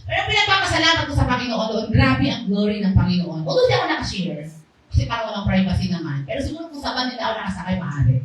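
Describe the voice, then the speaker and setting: Woman with a loud, lively voice sharing a church testimony, a touch high, heard from a distance. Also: very fast. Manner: loud, lively, animated storytelling. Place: small church hall. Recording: very echoey hall, voice far off, faint background noise.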